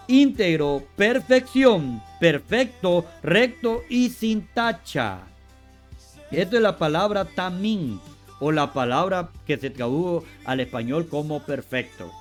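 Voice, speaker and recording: High-voiced man teaching word meanings. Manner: repeats words and corrects himself often; spells out word meanings in lists. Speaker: Bible teacher. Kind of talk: teaching from scripture.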